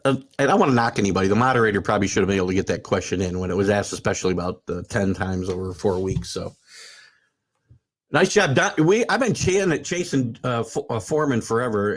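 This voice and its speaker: With a mid-range voice, this man in his sixties hosts a sports talk livestream and responds to comments from viewers. His delivery wanders, full of fillers and false starts, before building in animation into forceful rants.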